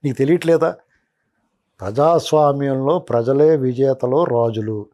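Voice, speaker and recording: A middle-aged political analyst with a medium-pitched, dark voice speaks at a measured pace. In an interview, he delivers heated commentary, rhetorically scolding a politician by addressing him as "you".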